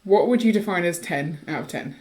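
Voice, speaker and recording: Woman from the UK, podcast co-host, lowish voice, casual teasing chat, quick restarts. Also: animated, darkish tone.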